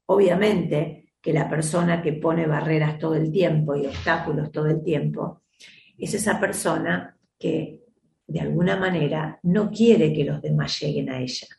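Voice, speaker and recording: An Argentine woman hosts a self-help advice show, speaking in a reflective, teacherly manner and often pausing to check in with her audience. Her voice sits somewhat low for a woman. The recording has a roomy, echoey sound. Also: vocal fry, a little mellow, a little hiss or hum. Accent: Argentine Spanish. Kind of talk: advice program talk to listeners.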